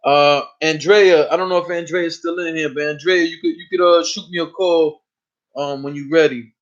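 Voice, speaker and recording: A man's voice: fairly high pitch, fairly even intonation, moderate pace. A man hosting a casual live stream, talking loosely and profanely, often repeating himself. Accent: New York. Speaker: host. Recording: dull lo-fi stream audio.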